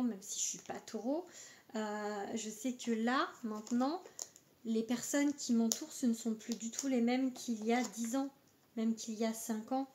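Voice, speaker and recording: A woman's voice: a little high, a little mellow. A woman giving a casual astrology card reading, talking hesitantly with many filler words. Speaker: oracle card reader.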